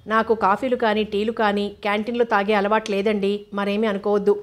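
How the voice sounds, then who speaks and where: A woman's voice: medium pitch, level tone, brisk, lightly acted. Woman reading as a polite young college man. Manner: polite, mild-mannered. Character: young male college student, polite and shy. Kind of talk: audiobook character reading.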